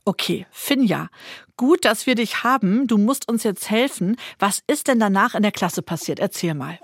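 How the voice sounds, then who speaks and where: A woman hosting a children's book show, lively and chatty, who often tags her sentences with little questions. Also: mid-range voice, normal speed, no echo, studio quality. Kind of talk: radio show presentation.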